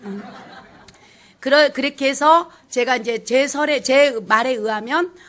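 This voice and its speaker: Woman, Jeolla dialect accent, high bright voice, pansori teacher, lively lecture. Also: unhurried. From South Jeolla, Korea. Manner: animated, switches into dialect role-play and sung phrases. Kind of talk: lecture with sung and acted examples.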